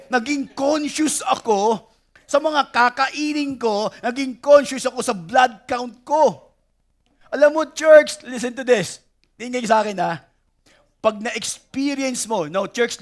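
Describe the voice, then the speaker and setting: A Filipino-accented pastor in his forties preaches with a strikingly high voice. He leans hard on key words, stretches out quoted verses, and breaks into chatty stories for the church. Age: 40s. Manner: emphatic, slows down for quoted verses; lively storytelling with laughs and asides to the church. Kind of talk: sermon.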